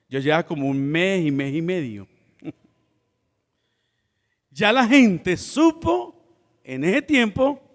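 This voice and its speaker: A man preaching a sermon as pastor, telling a story in a relaxed way with laughter and acted-out voices. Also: a little high, big-room sound.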